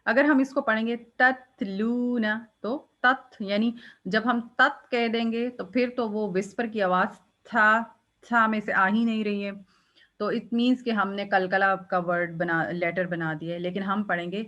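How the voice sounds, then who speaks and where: Lady teaching tajweed, slow and patient, stretches out letters w/ breathy release, kinda muffled recording. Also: mid-range voice, steady tone, fairly bright tone. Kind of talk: step-by-step recitation lesson.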